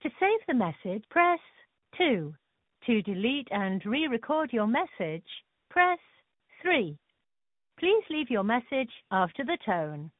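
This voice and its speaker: A woman's recorded voice giving automated voicemail menu prompts, clear and even, heard over a landline phone. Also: on the high side, takes it slowly, dry recording. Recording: tinny dry phone-line recording.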